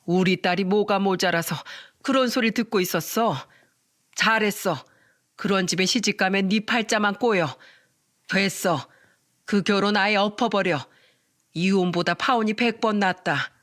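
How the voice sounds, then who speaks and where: A woman's voice: mid-range voice, a little slow, fairly bright tone, close to an everyday voice. A woman voicing an upset, protective middle-aged mother who firmly backs her daughter. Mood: indignant. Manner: firm, comforting and upset.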